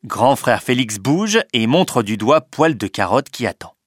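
Man, storybook narration, lively expressive reading, very animated pitch, dry close sound. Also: unhurried, dry recording.

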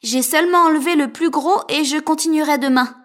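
A man voicing a gentle, helpful older sister in a storybook reading, in a soft high voice. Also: a little fast.

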